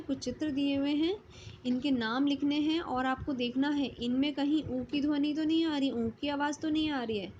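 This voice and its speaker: In an online class lesson, a woman teacher works through a workbook, patiently sounding out letters and words. Her voice is high-pitched with a darkish tone. The lo-fi audio sounds slightly dull, with slight background noise.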